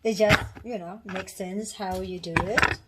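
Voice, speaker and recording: A woman's voice: mid-range voice, fairly even intonation, measured pace, heavy background noise. A woman from the Philippines casually talking through a home cooking demonstration in her kitchen, rambling and restarting often. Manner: chatty, rambling, with many restarts and fillers.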